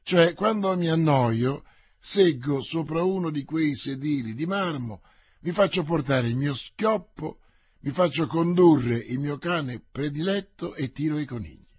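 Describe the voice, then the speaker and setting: A man reading the part of a boastful, slow-witted, hearty male musketeer in an audiobook, with bluff exclamations. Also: a little high, husky, no echo.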